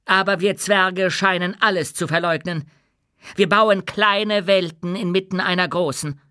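A man voicing a commanding dwarf queen in an audiobook, speaking with loud, proud oratory. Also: high voice, fairly even intonation, a little slow, clean tone, no echo, studio quality, voice pushed up. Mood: rousing. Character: commanding dwarf queen addressing her people. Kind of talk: audiobook character voice.

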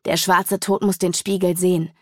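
A woman's voice: fairly low pitch, flat delivery, normal speed, no room sound, clean studio sound, close to an everyday voice. A woman reading a firm, decisive male angel warrior in an audiobook. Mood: resolute.

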